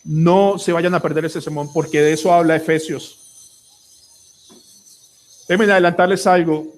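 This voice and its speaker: A man's voice: fairly high pitch, steady tone, moderate pace. A man with a Colombian accent preaching a sermon to his congregation, earnest and asking them question after question. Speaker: pastor.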